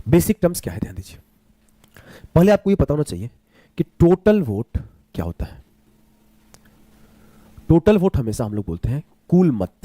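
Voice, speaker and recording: A man teaches a live online maths class while feeling unwell, so he keeps his pace slow. His voice is mellow and a little raised, and his pitch moves a lot as he repeats key terms. He asks questions and answers them himself, in a dry, close room. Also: no room sound. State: unwell, speaking slowly.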